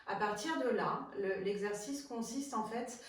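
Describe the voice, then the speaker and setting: A sophrology coach gives viewers a chatty, hesitant instructional talk, full of fillers and restarts. Her voice is medium-pitched and unhurried, recorded far from the mic in a very echoey room.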